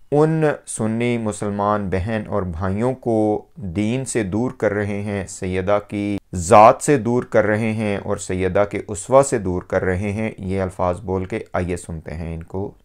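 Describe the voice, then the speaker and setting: A man giving a measured religious commentary, pausing often on fillers. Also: lowish voice, smooth. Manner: measured, with frequent hesitation fillers.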